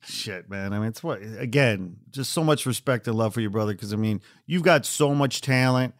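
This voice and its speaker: A man's voice: medium pitch, normal speed. Male interviewer, casual chat, admiring, laughs easily.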